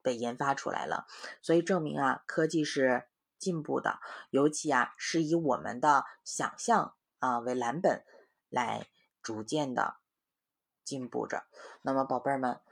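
A woman in her forties, a mother reading a bedtime story to children, lively and fond. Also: a bass voice, measured pace, gravelly, husky.

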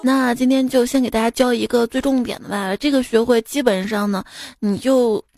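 A young woman from Xi'an hosting a comic podcast, telling jokes in a playful, animated way and slipping into local dialect for punchlines. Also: fairly high pitch, moderate pace, creaky. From Xi'an, China. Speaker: radio comedy podcast host. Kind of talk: scripted comic storytelling. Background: background music.

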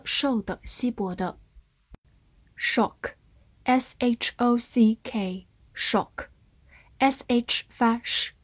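A woman teaching vocabulary at a very unhurried pace, spelling out words and reading sentences with careful precision. Her voice sits a little high and sounds close and dry, with no room around it. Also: a little mellow, no room sound. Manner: explains in Chinese, reads English words slowly and clearly. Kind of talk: scripted vocabulary lesson.

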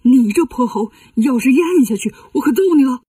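A woman's voice: mid-range voice, normal speed, mellow, no echo, studio quality, far from the mic, voice pushed down, natural voice. A woman voicing an anxious, stingy old male immortal who scolds and frets. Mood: fretful.

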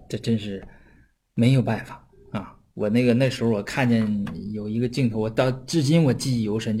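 A man giving a casual explanatory lecture on classical texts. He talks in a chatty way, often checks in with his listeners, and slows down to read old passages aloud. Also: mid-range voice, darkish tone, breathy edge. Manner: chatty, often adds tag questions for listeners.

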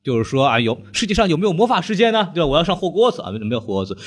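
A man's voice: on the high side, very animated, rapid-fire, husky. A man hosting a podcast, retelling cartoon plots in casual chat, rambling along and laughing often. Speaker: podcast host.

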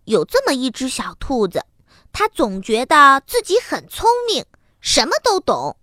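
A woman narrating a children's story in a slow, expressive, singsong way. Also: high voice, no echo, studio quality.

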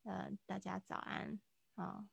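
Woman, English teacher, live online class, patient explaining, gravelly voice, dry sound. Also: medium pitch, level tone, slow, dry recording. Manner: patient explaining, mixing English phrases into Mandarin.

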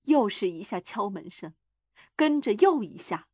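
A woman narrating a horror story in a measured, dramatic reading. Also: mid-range voice, sing-song, darkish tone, husky, no echo, studio quality.

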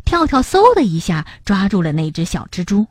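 Expressive woman reading a children's story. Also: medium pitch, moderate pace, slightly rough, no room sound, studio quality. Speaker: storybook narrator.

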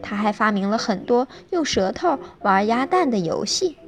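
A woman gently narrating a bedtime story to children in an expressive storytelling voice. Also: on the high side, moderate pace, soft background music.

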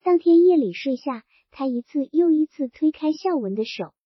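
Woman, novel reading, even storytelling, high pitch, dry close sound. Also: moderate pace, dry recording. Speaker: audiobook reader. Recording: dry dull lo-fi recording.

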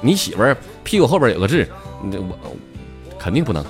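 A man's voice: medium pitch, big pitch swings, fast, loud music behind the voice. A man with a Northeastern Mandarin accent telling jokes as a stand-up comedian, chatty and full of dialect slang. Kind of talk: comic joke telling.

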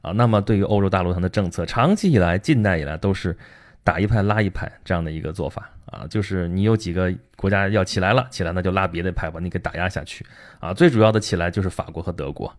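Hosting a casual history talk, a man speaks conversationally and fast in a low voice. He tags his points with rhetorical questions.

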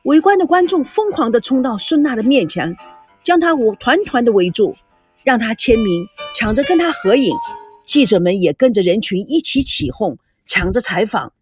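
A woman narrating a story with a lively, expressive reading. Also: fairly high pitch, moderate pace, faint music behind. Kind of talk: scripted narration.

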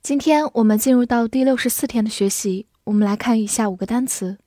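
A woman teaching English vocabulary, spelling words letter by letter and reading example sentences slowly for learners to repeat. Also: on the high side, warm tone, no room sound, studio quality, soft background music. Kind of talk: vocabulary lesson.

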